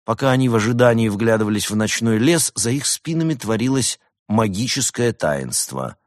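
A man's voice: medium pitch, expressive, moderate pace, no room sound, clean studio sound. A man narrating an audiobook story expressively.

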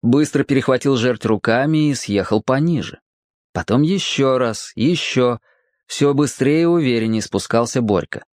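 A narrator reading a children's story aloud with expressive delivery. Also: mid-range voice, moderate pace, no room sound, studio quality.

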